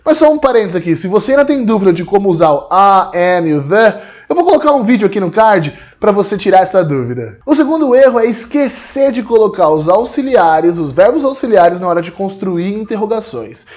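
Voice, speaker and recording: Man, Brazilian Portuguese accent, English teacher, video lesson, high-pitched, explanatory. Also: highs cut off. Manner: animated and explanatory, slowing down to model English phrases. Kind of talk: video lesson, direct address to the viewer.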